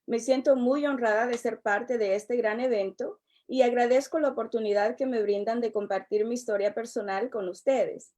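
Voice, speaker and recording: A middle-aged woman delivers a prepared personal testimony. Her voice sits a little high yet sounds warm and mellow. She speaks in a measured, earnest, unhurried way. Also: steady tone. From El Salvador. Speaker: relationship and divorce coach.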